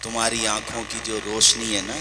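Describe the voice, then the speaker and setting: A man giving a sermon to a live gathering, rising into loud impassioned calls and prompting the audience to answer back. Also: lowish voice, completely flat delivery, a crowd in the background, rough recording. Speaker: preacher.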